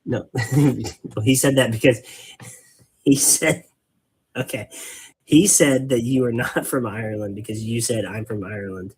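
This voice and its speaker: A man's voice: medium pitch, steady tone, measured pace, long pauses, breathy edge. A man hosting a casual hobby painting stream, rambling and patiently explaining things, cracking corny dad jokes. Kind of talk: casual live-stream chat while painting.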